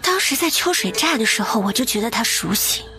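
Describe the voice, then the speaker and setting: An actress voicing a proud, scheming young noble lady with a taunting, needling way of talking in an animated drama. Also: a little high, a little fast, a little hiss or hum.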